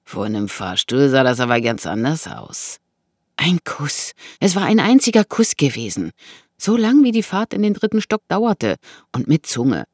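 An audiobook narrator reading a thriller with expressive storytelling. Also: moderate pace, no room sound, studio quality. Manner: expressive storytelling with lively pitch.

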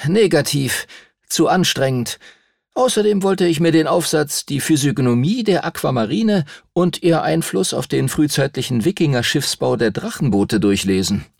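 A bookish know-it-all boy, voiced by a man in an audiobook. He speaks in clipped bursts, then lectures eagerly, pitched above the narrator with a slight rasp. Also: expressive, moderate pace, no echo, studio quality. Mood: lecturing. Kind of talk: audiobook character voice.

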